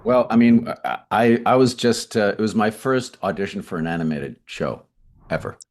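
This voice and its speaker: A man, a voice actor being interviewed, telling lively anecdotes with frequent stammered restarts. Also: lowish voice, normal speed. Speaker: voice actor guest. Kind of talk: interview storytelling.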